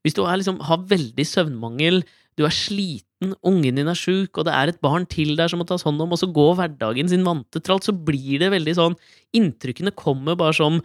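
Chatty Norwegian-speaking dad, slightly high. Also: male voice, dry recording, studio quality. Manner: candid, rambling, self-mocking storyteller. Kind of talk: casual chat. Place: home, talking over a video call.

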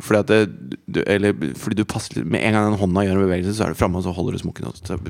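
A man with a somewhat low voice tells a long story in casual conversation. He is animated and acts out the people he quotes. His speech is loose and peppered with swearing. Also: creaky. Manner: animated anecdote telling with laughs and profanity. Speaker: storyteller guest. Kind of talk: casual chat.

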